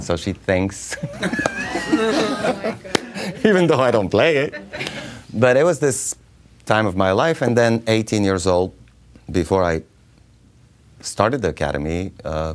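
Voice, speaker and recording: A middle-aged man with a Bulgarian accent, telling his life story in an interview, joking and laughing often, recorded on a lapel mic in a small studio. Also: deep voice. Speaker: guest actor. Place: small studio with dark curtain.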